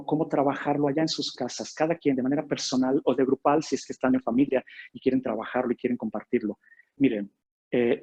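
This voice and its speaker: Husky, mellow-voiced male therapist. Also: mid-range voice, low-quality recording. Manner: measured, explanatory, reads passages aloud. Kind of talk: spiritual talk with case examples.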